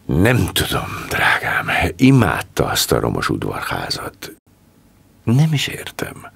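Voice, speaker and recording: A confident young country squire, as a male narrator puts him on, breezy and reassuring. The voice sits very low, with a husky, gravelly grain. It is an audiobook reading. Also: huge pitch swings, fairly bright tone, exaggerated voice.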